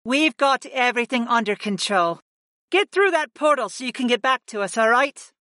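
A man's voice: very high-pitched, animated, moderate pace, sharp tone, pitched above the performer's own voice, heavily acted. A man voicing an upbeat, teasing young woman who is looking after the household in an audiobook.

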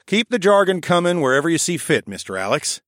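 A man voicing an eager, bossy male raccoon architect who gives brisk instructions. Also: a little high, sing-song, fairly bright tone, dry recording, clean studio sound, voice pushed up.

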